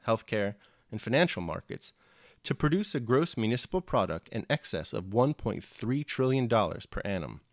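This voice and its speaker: A man reading a novel aloud in a measured, expressive way, then reflecting on the chapter. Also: mid-range voice, no echo, studio quality. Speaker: host and reader.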